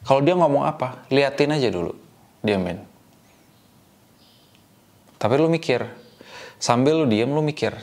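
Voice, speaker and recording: Gravelly young man. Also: mid-range voice. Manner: direct, coaching tone, slips English phrases in. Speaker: vlogger giving advice. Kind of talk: casual advice talk.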